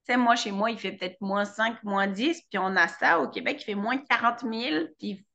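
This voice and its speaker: A woman's voice: a little high, moderate pace, vocal fry, pushed and bright, muffled recording. A woman host with a French accent from France, chatting playfully in an interview and joking about herself. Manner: chatty, playful, self-mocking. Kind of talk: casual interview chat.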